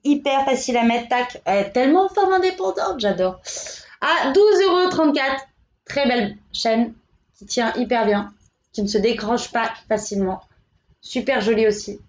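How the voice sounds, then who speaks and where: Woman, live-stream seller, chatty salesy banter, high-ish voice, roomy and muffled recording. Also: expressive, normal speed. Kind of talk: live shopping stream pitch. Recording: echoey room, dull lo-fi sound.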